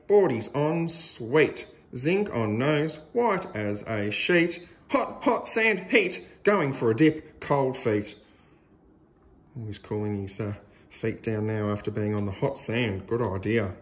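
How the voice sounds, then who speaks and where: An Australian man with a medium-pitched voice reads a picture book aloud to young children. He is deliberate and sing-song, exaggerating his emphasis.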